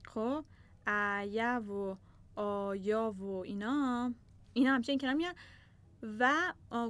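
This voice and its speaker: A young woman teaching a beginner language lesson, patiently repeating words slowly for her learners. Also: a little high.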